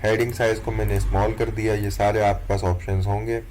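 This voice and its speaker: Low, flat-voiced man tutoring. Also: brisk, a little hiss or hum. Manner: relaxed, step-by-step, keeps checking in with "theek hai". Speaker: course instructor. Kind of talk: screen-recorded tutorial walkthrough.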